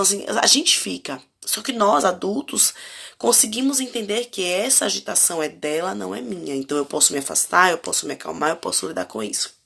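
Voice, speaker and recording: Brazilian woman in her 30s, parenting host, casual and reflective, slightly gravelly mid-pitched voice. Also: fairly bright tone. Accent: Brazilian Portuguese. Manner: reflective, asks the audience many direct questions. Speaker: parenting educator hosting a live stream. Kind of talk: casual live-stream talk to viewers.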